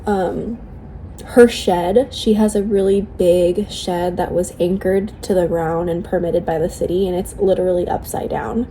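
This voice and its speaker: A tearful woman talking casually and haltingly in an emotional, confiding personal vlog. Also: lowish voice, steady tone, dark tone, a little hiss or hum, poor audio. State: tearful, crying. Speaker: vlogger sharing a personal update.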